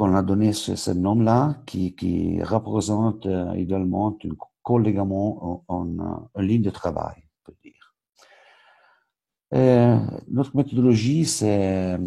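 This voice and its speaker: Low, gravelly man with an Italian accent. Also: mellow. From Switzerland. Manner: halting, searching for words in a second language. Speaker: football coach educator. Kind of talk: webinar presentation.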